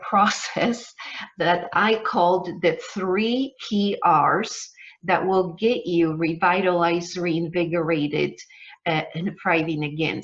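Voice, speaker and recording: A woman's voice: fairly low pitch, a bit bright. A middle-aged woman from Poland with a Polish accent, a business coach leading a live online masterclass, talking with many ums and uhs. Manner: hesitant, many fillers. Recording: dull lo-fi sound.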